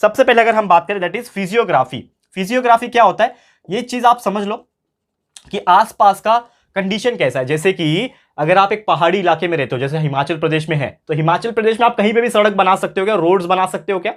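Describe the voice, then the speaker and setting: High-voiced male tutor explaining slowly. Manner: explains slowly, repeating phrases, asking students questions; mixes English phrases into speech. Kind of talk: classroom lecture to students.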